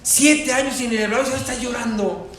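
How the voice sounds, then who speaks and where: A preacher voicing blunt soldiers. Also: male voice, very high voice, fairly even intonation, quick pace, fairly bright tone, echoey room. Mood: exasperated. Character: blunt rough-talking soldiers scolding a king.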